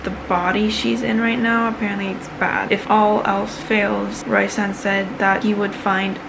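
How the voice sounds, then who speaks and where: A young woman gives a rambling book recap in a casual home vlog, her mid-pitched voice full of fry. She talks loosely with plenty of fillers. A steady air conditioner hum sits clearly behind her. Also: a little slow. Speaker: book vlogger.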